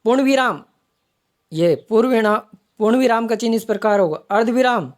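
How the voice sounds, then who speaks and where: A woman's voice: fairly high pitch, expressive, fairly quick. Woman teaching grammar online. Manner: explanatory, repeats terms while pointing them out. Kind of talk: online exam-prep lesson.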